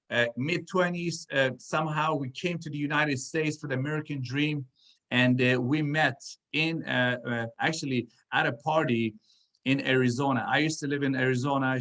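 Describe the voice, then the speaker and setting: A man's voice: medium pitch, fairly bright tone. A man born in Iran and raised in Sweden, giving a casual motivational talk full of fillers and restarts. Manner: rambling, many fillers and restarts. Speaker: speaker at a business event.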